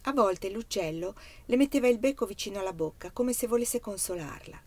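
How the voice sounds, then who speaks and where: Woman reading a novel aloud, measured. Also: mid-range voice. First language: Italian. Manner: measured, steady literary reading. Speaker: reader. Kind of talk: audiobook narration.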